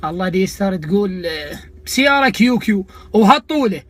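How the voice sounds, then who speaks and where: A man's voice: sits high, animated, fast, fairly bright tone, no echo. A man with an Iraqi Arabic accent delivering a comic rant to viewers, mocking, indignant and sarcastic in manner. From Iraq. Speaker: comedian host of a video channel.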